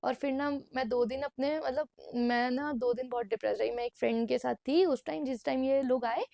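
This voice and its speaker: A young woman in her twenties chats through a personal story for her vlog, talking casually at night in a room with a dry, close sound. Her voice sits a bit high and carries a gravelly crackle, and she keeps mixing English phrases into her Hindi. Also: fairly even intonation, a little fast, dark tone, no room sound. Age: 20s. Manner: chatty, mixes English phrases into Hindi and keeps saying "bhai". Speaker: vlogger.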